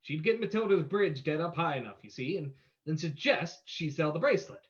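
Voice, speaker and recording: A man's voice: fairly high pitch, big pitch swings, a little fast. Man acting a theatrical radio vigilante detective, muffled audio, the Shadow. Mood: confident, explaining. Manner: theatrical, explanatory, dramatic. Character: the Shadow, suave, menacing male vigilante detective. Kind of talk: old-time radio drama acting.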